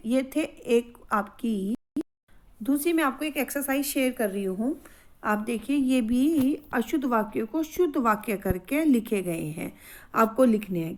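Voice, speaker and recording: A woman teaching a grammar lesson, reading words out slowly and saying each one twice. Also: a little high. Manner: slow, careful, repeats each word twice.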